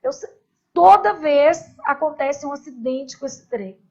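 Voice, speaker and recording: A woman's voice: sits high, animated, unhurried, a little mellow, lo-fi sound. A woman teaching a grammar class in a casual, chatty way, with joking asides and constant "né?" tags.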